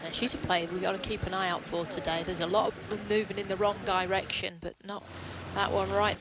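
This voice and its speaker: A woman's voice: medium pitch, level tone, a little fast. A woman working as a golf commentator, giving conversational live analysis of play. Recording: outdoor broadcast with background noise.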